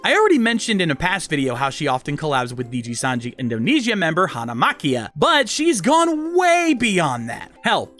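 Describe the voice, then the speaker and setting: A man's voice: on the high side, wildly swooping pitch, moderate pace, few pauses, fairly bright tone, soft background music. A man hosting a video with scripted narration and informal, chatty asides. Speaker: video host and reviewer.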